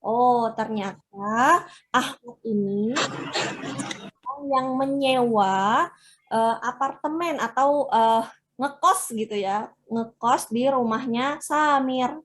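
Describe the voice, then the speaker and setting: Slow, patient woman teaching Arabic. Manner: slow, explaining phrase by phrase with many fillers; acts out dialogue lines with lively raised pitch. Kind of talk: online class lesson.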